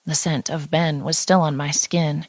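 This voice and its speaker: A woman's voice: low-pitched, level tone, measured pace, a little mellow, no echo. A woman narrating a first-person romance audiobook in an intimate, confessional manner, close to the mic.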